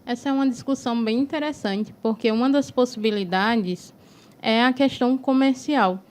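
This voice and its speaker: With a fairly high, slightly mellow voice at normal speed, a woman from northeastern Brazil lectures on history at length as a guest on a studio talk show. She frequently ends her points with "né".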